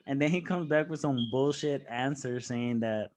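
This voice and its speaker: A man's voice: mid-range voice, normal speed, crowd noise. A young man in casual podcast chat, telling a story with lots of swearing and laughter. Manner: animated storytelling, swears often, laughs a lot. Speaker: podcast co-host.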